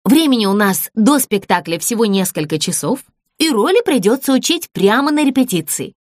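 A woman's voice: fairly high pitch, big pitch swings, normal speed, no echo, studio quality. A woman voicing a serious, strict girl doll who runs the rehearsal, firm and commanding.

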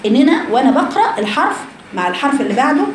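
A woman with an Egyptian accent teaching a recitation lesson to women, explaining slowly and voicing letter sounds aloud to demonstrate. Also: sits high, sing-song. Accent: Egyptian Arabic. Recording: echoey room with background noise.

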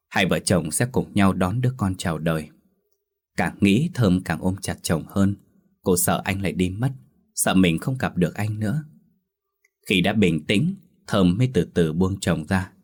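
A man narrating a ghost story in a slow, measured, suspenseful scripted style. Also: low voice.

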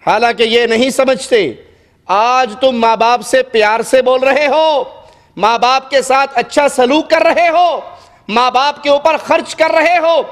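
Very high-pitched impassioned male preacher. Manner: impassioned, moving from storytelling to shouting appeals. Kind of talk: sermon.

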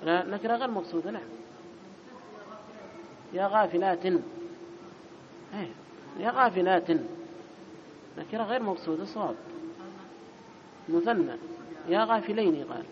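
A man teaching an Arabic grammar lesson, quizzing his students, correcting them briskly and reading the text aloud in a louder, higher voice. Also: animated, a crowd in the background. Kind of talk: classroom lesson with student questions. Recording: dull lo-fi recording with clear background noise.

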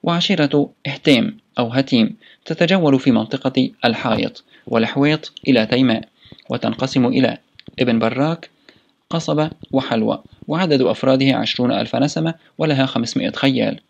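Man, gravelly voice, steady audiobook reading, slightly dull lo-fi sound. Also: medium pitch, a little fast. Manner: steady reading of name lists with asides. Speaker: reader.

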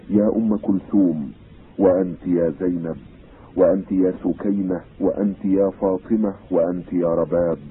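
A man's voice: low-pitched, husky. A man voicing a grave leader facing death. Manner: solemn, measured recitation. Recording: tinny old radio broadcast, faint hiss.

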